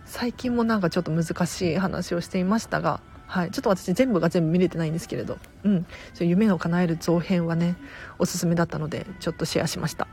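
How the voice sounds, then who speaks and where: A woman who works as a tidying consultant, chatting casually and warmly on her own audio stream, answering listener comments with loose, filler-filled talk. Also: fairly low pitch, fast, faint music behind. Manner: friendly and chatty, warmly thanking listeners by name; loose conversational delivery with fillers and self-corrections.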